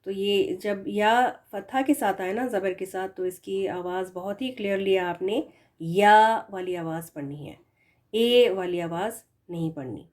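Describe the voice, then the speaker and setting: A woman teaching a recorded Quran recitation lesson who slows down to model correct and wrong pronunciations, with earnest, admonishing asides. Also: medium pitch, a little mellow. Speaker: tajweed teacher.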